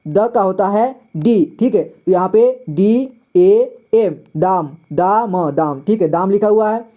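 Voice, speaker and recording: Man, teacher, reading lesson, patient, slow repeated syllables, warm mellow tone. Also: high-pitched, expressive.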